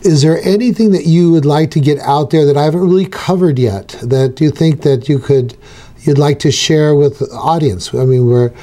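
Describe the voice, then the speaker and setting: A man's voice: fairly high pitch, normal speed, mellow. A man hosting a casual interview and putting questions to a guest. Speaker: interviewer and host.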